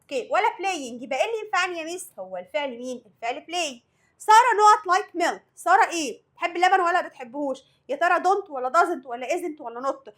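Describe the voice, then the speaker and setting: High-voiced Egyptian woman teaching English. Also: animated, brisk, fairly bright tone. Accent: Egyptian Arabic. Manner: drills vocabulary and grammar, questions the students and answers herself. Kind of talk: exam review lesson.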